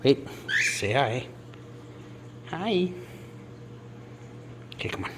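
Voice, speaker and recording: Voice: medium pitch, sing-song, very slow, very noisy. A person chatting casually and playfully to pet birds, coaxing them along at home. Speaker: pet owner filming birds.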